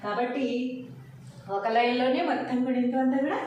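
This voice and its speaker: Woman teacher, high voice, slow sing-song recitation, far from the mic in a very echoey room. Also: fairly even intonation, a little mellow, highs cut off. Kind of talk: teaching a Telugu alphabet lesson. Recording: very echoey, distant room mic with faint noise.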